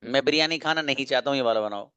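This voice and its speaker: Male online tutor on a video call, smooth clear tone, strict and lecturing. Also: mid-range voice, quick pace, pushed and bright, muffled recording. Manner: firm, scolding then encouraging. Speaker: online English teacher. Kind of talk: online class drilling students.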